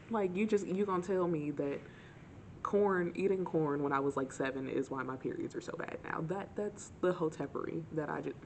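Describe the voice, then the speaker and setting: A young woman telling dating stories in a casual, sarcastic, animated way to her camera. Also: low-pitched, normal speed, slight background noise. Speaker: vlogger. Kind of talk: casual storytime chat.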